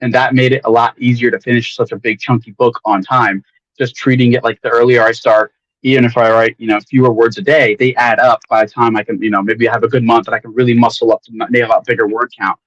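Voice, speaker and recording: A man with a medium-pitched voice talks casually as a guest author on a livestream. He rambles candidly and plays himself down. The audio is dry and a little dull. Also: level tone, quick pace, a bit bright, no echo.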